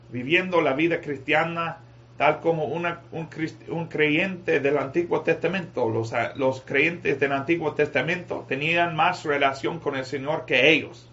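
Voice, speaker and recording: A man preaching a sermon to a congregation, rising to shouted climaxes. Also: on the high side, dull audio. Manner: rises to shouting climaxes, addresses congregation as brothers.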